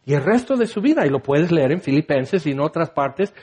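Man preaching, fairly high voice. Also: sing-song, fairly quick, slightly rough. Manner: dramatic, swings between loud and hushed. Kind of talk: sermon.

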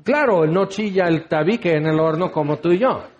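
A preacher with a fairly high voice for a man. He talks through his sermon casually, firing off rhetorical questions and slipping in wry asides. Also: normal speed, darkish tone, muffled recording. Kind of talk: conversational sermon.

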